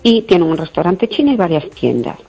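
An older woman chatting casually, telling stories in an outspoken, indignant way and often clearing her throat. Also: lowish voice, very animated, normal speed, warm tone. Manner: outspoken, indignant, acts out quoted dialogue. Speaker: guest in a conversation. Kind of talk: casual chat, storytelling. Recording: dull lo-fi recording, faint music behind.

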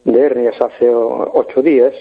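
A man's voice: mid-range voice, steady tone, unhurried, breathy edge. A man calling in to a radio show over the phone, talking politely and hesitantly with many restarts. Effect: heard over the phone. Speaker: radio caller. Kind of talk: casual call-in chat. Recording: tinny phone line.

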